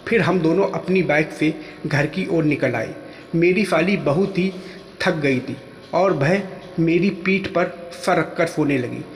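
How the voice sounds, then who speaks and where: A man telling a first-person story in plain, steady narration. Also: fairly high pitch, measured pace, a little hiss or hum. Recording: echoey room with long reverb.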